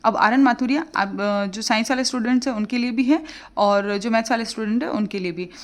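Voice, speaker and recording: Woman tutor, fairly high voice, rapid chatty delivery. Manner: chatty, explains casually with many fillers. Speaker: exam prep tutor. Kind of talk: casual study advice for exam aspirants.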